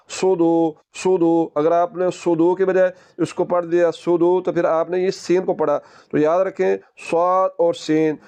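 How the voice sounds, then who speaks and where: A man teaching Quran recitation step by step, patiently repeating each word slowly and drawing out the sounds. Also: on the high side, mellow, smooth. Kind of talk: step-by-step tajweed lesson.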